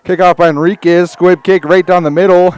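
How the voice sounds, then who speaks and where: Breathless high school football announcer. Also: male voice, fairly even intonation, brisk, a little mellow, smooth, dry recording. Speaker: play-by-play announcer.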